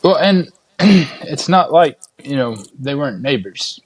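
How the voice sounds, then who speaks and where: A man's voice: a little high, expressive, takes it slowly, husky, no echo. A man hosting a podcast in a casual, conversational style. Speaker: podcast host. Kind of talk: casual chat.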